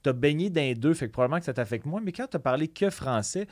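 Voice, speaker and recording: A man's voice: fairly high pitch, expressive, fast, a little mellow, no room sound, clean studio sound. A man with a Québécois French accent co-hosting a podcast, reading listener questions and joking about himself. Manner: self-mocking, reads listener questions. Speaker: podcast co-host. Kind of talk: casual chat. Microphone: studio mic.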